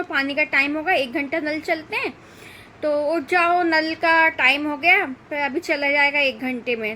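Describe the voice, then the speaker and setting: A woman's voice: high-pitched, a bit bright, a little hiss or hum. A woman vlogger telling a personal family story in a chatty, emotional way, straight to her viewers. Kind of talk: casual storytelling to camera.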